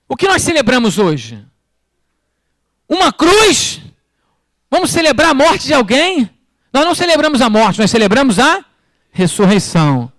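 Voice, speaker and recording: High-pitched Brazilian pastor preaching. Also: male voice, no echo, studio quality. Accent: Brazilian Portuguese. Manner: animated preaching, rhetorical questions to the congregation; swings between loud bursts and quiet low asides. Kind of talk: sermon. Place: church.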